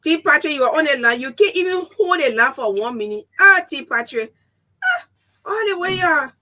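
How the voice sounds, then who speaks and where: A woman's voice: sits high, animated, normal speed, pushed and bright. A Liberian woman hosting a live phone-in with a three-way phone call, informal and hesitant, repeating herself. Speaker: radio talk show host juggling a three-way phone call. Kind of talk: casual live phone-in chat.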